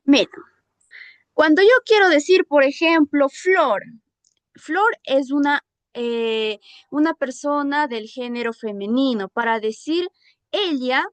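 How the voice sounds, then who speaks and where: Female teacher, Peruvian accent, slow and patient, repeats examples, high voice. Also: dry recording. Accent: Peruvian Spanish. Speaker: English teacher. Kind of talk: classroom lesson. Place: school class session.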